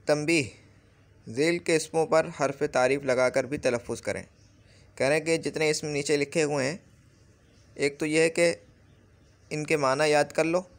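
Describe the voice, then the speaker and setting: A man with an Urdu accent teaching Arabic grammar in a patient lesson, slowly repeating each word for the learner. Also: a little high. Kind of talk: explanatory lesson.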